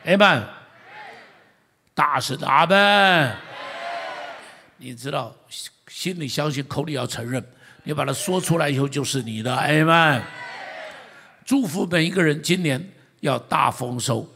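A male pastor with a Taiwanese Mandarin accent, preaching a sermon in an animated way and putting questions to the congregation. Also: mid-range voice, moderate pace, creaky, a little hiss or hum.

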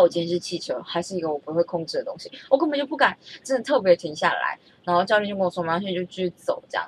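A young woman, telling a story in a chatty, animated way and stammering when she gets excited. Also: fairly low pitch, a little hiss or hum. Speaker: vlogger. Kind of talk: casual storytelling.

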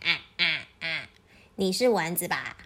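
A woman voicing an arrogant male goose in a children's story, speaking in a condescending, drawn-out way. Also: lowish voice, expressive, fairly bright tone, voice pushed down. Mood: haughty.

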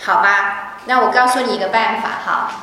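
A woman's voice: medium pitch, moderate pace, bright, forceful tone, a little hiss or hum. Woman voicing a grave male fortune-teller. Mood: instructive. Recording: echoey hall, far from mic.

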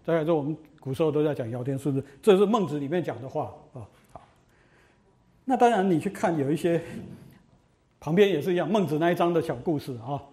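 A middle-aged university lecturer with a mellow, somewhat high voice tells old stories full of lively asides. He keeps throwing rhetorical questions at his students, animated as he narrates.

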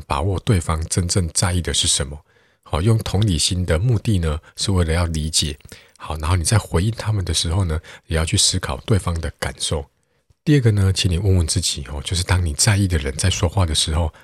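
A deep-voiced man talks to his listeners in a loose, chatty way. His voice is husky, and it sounds dry and close. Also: dry recording. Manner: chatty, with many fillers. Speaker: teacher and podcast host. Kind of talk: casual podcast talk.

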